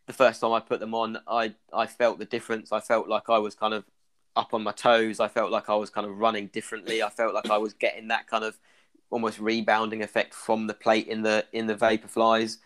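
A man's voice: lowish voice, completely flat delivery, a little fast, fairly bright tone. A man with an Irish accent, a clinician explaining running injuries in a casual podcast chat, full of "kind of" fillers.

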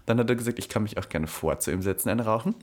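A man's voice: very fast, darkish tone. A man in his twenties co-hosting a podcast, telling a candid story in casual chat. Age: 20s. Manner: storytelling, candid, drops voice low for quoted lines. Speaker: podcast co-host.

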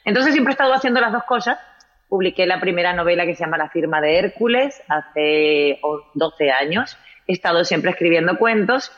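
A woman from Spain with a Spanish accent, a writer and journalist chatting as a guest in an interview, animated and telling stories with frequent tag questions. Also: fairly low pitch, normal speed, highs cut off. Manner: warm, animated storyteller with frequent "¿no?". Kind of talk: casual interview chat.

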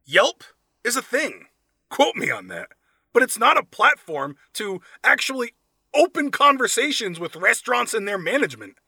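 A man's voice: very high voice, very animated, normal speed, bright, forceful tone, slightly rough, no room sound. A man hosting a podcast, giving sarcastic, profane comedic commentary while reading reviews aloud. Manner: sarcastic, swears freely. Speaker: podcast host.

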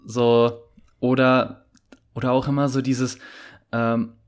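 A man's voice: medium pitch, little pitch movement, takes it slowly. Rambling young man in casual chat. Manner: rambling, many fillers and restarts. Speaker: podcast co-host.

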